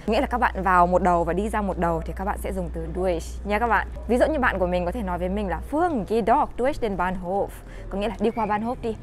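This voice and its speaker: A young woman from Vietnam teaching German in a casual vlog, chatting to viewers and slowing down to say each example sentence. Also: medium pitch, a little hiss or hum. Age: young adult. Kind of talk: casual language lesson vlog.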